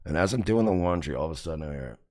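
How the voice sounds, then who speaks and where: A man hosting a radio show, telling a comic story in an animated, profane way. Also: very deep voice, very fast.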